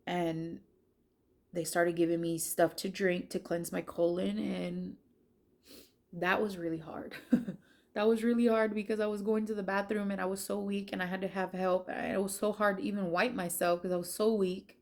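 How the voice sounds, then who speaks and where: A woman with a voice of ordinary pitch tells her personal faith testimony. She speaks earnestly and with feeling, and she often stumbles and restarts mid-sentence as she recounts it. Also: flat delivery, normal speed. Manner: earnest, emotional retelling with many restarts.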